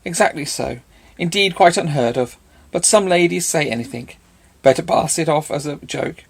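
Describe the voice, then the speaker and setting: A man's voice: fairly high pitch, normal speed, gravelly, breathy edge, voice pushed up. A man voicing a soothing, fawning husband in an audiobook, murmuring and placating.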